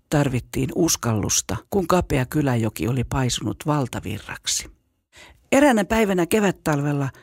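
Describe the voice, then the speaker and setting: A storyteller reading a children's story aloud in a steady, measured way. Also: mid-range voice, dry recording, studio quality. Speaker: narrator.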